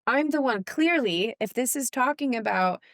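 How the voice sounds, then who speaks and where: Woman, middle-aged, podcast co-host, casual faith chat, smooth voice, dry sound, laughs often. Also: on the high side, normal speed, no room sound. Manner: animated, laughing, playful asides.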